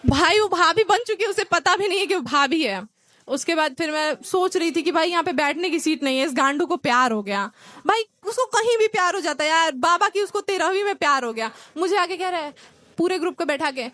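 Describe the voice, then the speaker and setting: A young woman from India, performing stand-up comedy and telling lively stories in which she acts out relatives and friends. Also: extremely high pitch, brisk, no room sound. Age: young adult.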